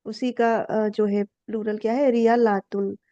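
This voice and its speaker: A woman's voice: level tone, measured pace, dark tone, no echo. A woman teaching grammar in an online class, explaining step by step and quizzing her students. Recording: dull low-fi dry sound.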